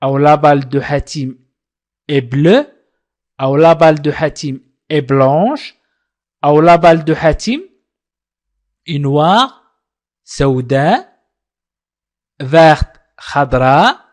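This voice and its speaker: A man teaching a simple French lesson for children, repeating each word slowly and translating it, then asking viewers to like and subscribe. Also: a little high, lively intonation. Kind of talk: slow language lesson for children.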